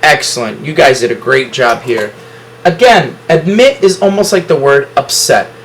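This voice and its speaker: A man's voice: mid-range voice, lively intonation, normal speed, fairly bright tone, slight background noise, poor audio. A man teaching a phonics lesson to a class, explaining syllables at the whiteboard and praising students often.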